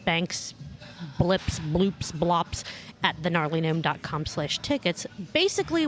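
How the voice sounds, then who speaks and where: A young woman co-hosting a laid-back beer podcast with a slightly low voice. She sounds bubbly and teasing, and she rattles off plugs and links at a fast clip. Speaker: podcast co-host. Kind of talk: casual chat over beers. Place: home room, drinking beer.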